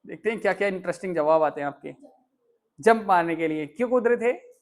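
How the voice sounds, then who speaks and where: A man teaches English grammar to a live class of students. He breaks sentences into single words and drills them slowly. He mixes jokes with stern warnings to his pupils. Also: high voice, expressive. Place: indoor classroom.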